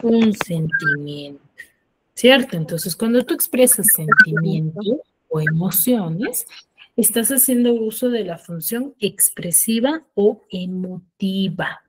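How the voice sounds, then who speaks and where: A woman teacher giving an online class, explaining step by step and often checking with quick tag questions. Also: medium pitch, animated, a bit bright, slight background noise. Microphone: video call.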